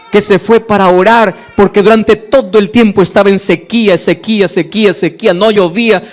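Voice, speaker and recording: A male pastor preaching a sermon, acting out dialogue and asking the congregation rhetorical questions. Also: very high-pitched.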